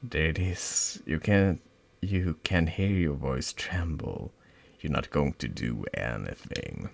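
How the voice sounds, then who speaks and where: A man's voice: a bass voice, expressive, takes it slowly, vocal fry, heavily acted. A man voicing a cruel teenage girl who taunts and threatens her friend in a cold, menacing way.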